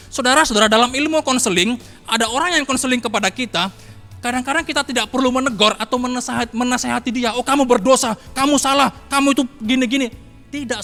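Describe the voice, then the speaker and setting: Guy preaching a morning devotion, high voice, lots of reverb and faint music behind. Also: pushed and bright. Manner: emphatic, repeats phrases, addresses listeners as saudara.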